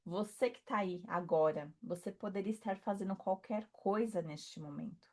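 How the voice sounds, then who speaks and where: A woman speaking as a spiritual coach, talking softly and reassuringly to the listener, with many fillers and tag questions. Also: medium pitch, moderate pace. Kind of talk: intimate motivational talk to camera.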